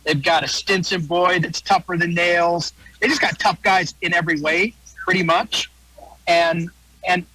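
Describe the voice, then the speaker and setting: A man's voice: high-pitched, steady tone, measured pace, sharp tone, slightly rough, low-quality recording. An American man giving a folksy, casual sports preview as a guest wrestling analyst, repeating phrases for emphasis.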